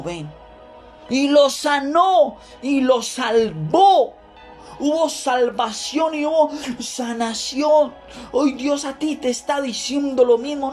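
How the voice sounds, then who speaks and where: A man preaching a devotional sermon with fervent emphasis, driving his points home by repeating words and phrases. He reads scripture aloud as part of the message. Soft music plays faintly underneath. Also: extremely high pitch. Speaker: pastor.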